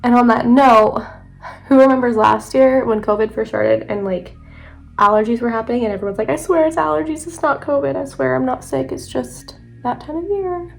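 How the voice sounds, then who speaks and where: A young beauty vlogger chats her way through a makeup tutorial, rambling and correcting herself, sounding slightly congested from allergies. Her voice sits high and is gravelly, at a normal speed.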